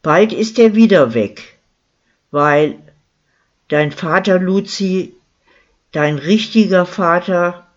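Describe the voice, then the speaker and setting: Narrator playing a tearful sighing mother, breathy and slow, lo-fi sound. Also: lowish voice, lively intonation. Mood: distraught. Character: distraught middle-aged mother, tearful. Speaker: character in a crime story. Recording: dull lo-fi recording.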